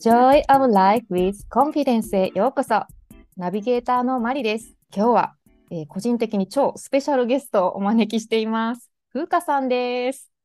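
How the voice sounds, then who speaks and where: A woman with a Kansai accent hosting a podcast in casual chat, bubbly and excited, laughing often. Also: on the high side, a little fast, soft background music. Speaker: podcast host.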